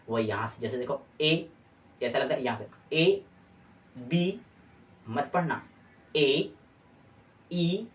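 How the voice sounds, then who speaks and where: Male teacher, classroom lesson, quizzes students over and over, distant mic with faint hiss. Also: mid-range voice. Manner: asks students repeated check questions.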